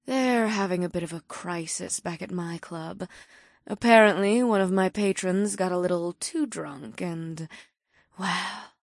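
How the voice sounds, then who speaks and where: A man voicing a calm, flirtatious female succubus who owns a club, speaking softly with a purr. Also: measured pace, gravelly, no room sound, clean studio sound. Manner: soft, low, purring delivery.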